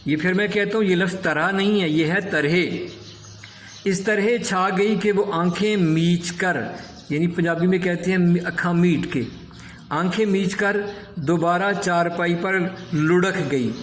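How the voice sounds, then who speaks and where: Echoey high-voiced male Urdu teacher. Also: slight background noise. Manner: corrects pronunciation, repeating words slowly. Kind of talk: lesson explaining pronunciation and word meanings.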